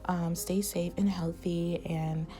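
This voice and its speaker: Her voice sits on the low side and sounds dark, flat and slow as she works through an informal tarot reading. Losing her voice, she wanders from point to point, leans heavily on "like," and offers advice.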